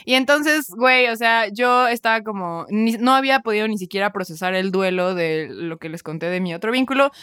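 A woman's voice: medium pitch, a little fast, few pauses, a bit bright, clear, resonant tone, no room sound, studio quality. A young woman with a Mexican accent co-hosting a podcast, telling a story in casual chat with lots of laughter and slang. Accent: Mexican Spanish. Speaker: podcast co-host.

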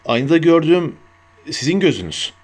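An earnest teenage boy wizard , read by a man, speaking directly and seriously, slightly higher than the narration. He sounds determined, a character in an audiobook. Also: sing-song, a little fast.

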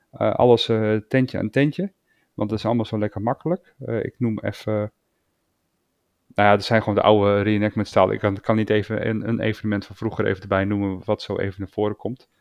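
A man's voice: fairly low pitch, gravelly, darkish tone, dry recording. A man with a Dutch accent co-hosting a podcast, speaking hesitantly with frequent restarts and filler sounds. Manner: hesitant, restarts often, agreeable. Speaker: podcast co-host. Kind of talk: casual podcast discussion.

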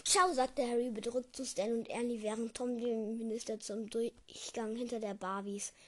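A woman with a fairly high voice casually reads a novel aloud. She often stumbles over words and goes back to correct herself. The feel is relaxed and unpolished. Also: normal speed. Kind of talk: casual reading aloud of a book.

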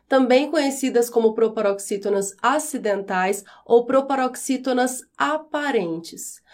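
High-voiced teacher. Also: female voice. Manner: slow, clear, syllable-by-syllable explanations. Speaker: Portuguese teacher. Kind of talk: podcast language lesson.

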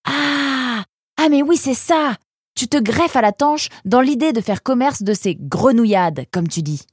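A woman's voice: a little high, expressive, normal speed, a little mellow, no room sound, studio quality, voice pushed up. A woman voicing a male creature who scolds his friend in an exasperated, reproachful way, in a storybook reading.

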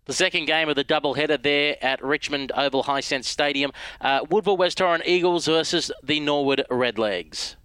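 A man presenting a radio sports segment, briskly reading results and fixtures and handing over to his guest. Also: on the high side, bright, forceful tone, clear, resonant tone, dry recording.

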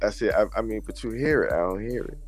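A man's voice: on the low side, fast. A man with a New Orleans accent, chatting as a guest in a laid-back, easygoing way and often repeating himself. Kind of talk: casual chat.

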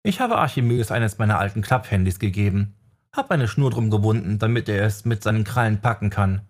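A man's voice: fairly low pitch, animated, fairly quick. A man doing a wry, joking young mage. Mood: explaining. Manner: joking and explanatory. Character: wry young male elementalist mage and writer. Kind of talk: audiobook character voice.

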